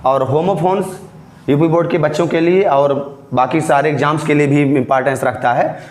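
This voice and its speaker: Man teaching slowly in an echoey room. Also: a little high, steady tone, darkish tone, a little hiss or hum. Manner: slow, dictating English definitions word by word; explains each term, then repeats it in Hindi. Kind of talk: classroom lesson, mixing Hindi and English.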